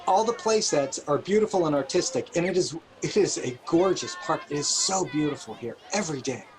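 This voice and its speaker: Heard on a low-quality recording, this interviewed children's park director has an expressive mid-range voice and talks fairly quickly. Each reply comes out earnest and emphatic, the wording carefully considered and thoughtful.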